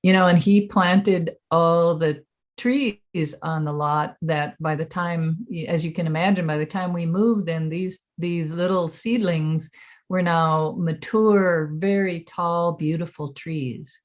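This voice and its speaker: An American woman in her seventies reminiscing in an oral history interview, halting and reflective as she recalls. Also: lowish voice, steady tone. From Minnesota, United States. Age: 70s.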